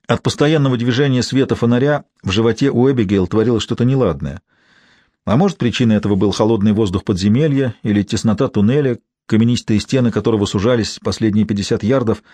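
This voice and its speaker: A man reading a thriller audiobook aloud in an even, measured way. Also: medium pitch, no echo. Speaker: audiobook narrator. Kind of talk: scripted narration. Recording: dry studio sound.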